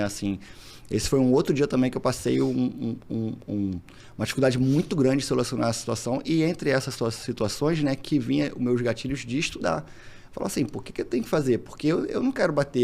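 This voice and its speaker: A man with a Brazilian Portuguese accent, a single father chatting as a podcast guest and acting out bits of dialogue as he tells stories. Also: mid-range voice. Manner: animated storyteller, acts out dialogue. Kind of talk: casual interview chat.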